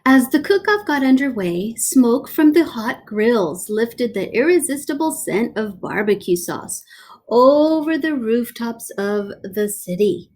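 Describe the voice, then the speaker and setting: A woman reads a children's story aloud in a teacherly way. Her voice sits a little high and she takes her time, delivering each line with drama and playful asides. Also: lively intonation, measured pace, a little mellow. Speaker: teacher reading aloud to students. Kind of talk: expressive children's picture book read-aloud.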